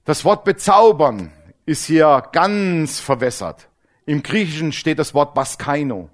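A man preaching a sermon with dramatic storytelling, swinging between loud emphasis and low hushed asides, slowing down to stress key words. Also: expressive. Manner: slows down to stress key words, then rushes.

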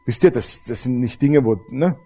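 A man's voice: mid-range voice, normal speed, warm tone, breathy edge. A middle-aged man, preaching a testimony sermon and telling his story straight to the congregation. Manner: storytelling, addresses the audience directly.

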